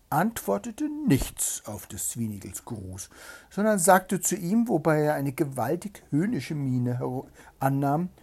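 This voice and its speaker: A man reading an old fairy tale aloud with lively, animated storytelling. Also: mid-range voice, breathy edge.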